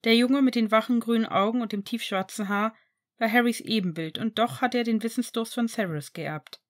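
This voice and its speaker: A woman narrating a fan fiction story as an audiobook reading, telling it calmly and evenly. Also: on the high side, brisk.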